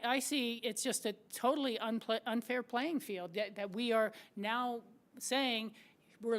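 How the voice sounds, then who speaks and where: An American woman on a city council argues her point at a public meeting. She is earnest and slightly hoarse, and she often restarts her sentences. Her pitch sits in the middle range.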